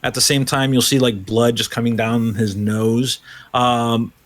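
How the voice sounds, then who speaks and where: A man's voice: medium pitch, little pitch movement, unhurried. A man running a tabletop game as game master, narrating loosely with many fillers.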